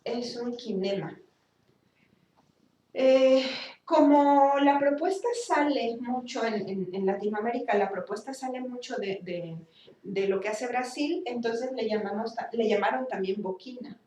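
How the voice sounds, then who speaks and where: Woman lecturer, fairly high voice, heard from a distance in a roomy hall. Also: unhurried, warm tone, slight background noise. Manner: explanatory, demonstrates sounds with exaggerated articulation. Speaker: speech therapy lecturer. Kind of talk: university class lecture. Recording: echoey room, from a distance.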